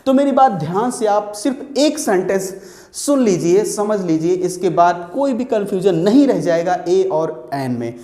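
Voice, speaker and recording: A man's voice: high voice, sing-song, moderate pace, warm tone, reverberant. A man teaching English grammar, who keeps asking and then answering his own questions. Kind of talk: explanatory grammar lesson.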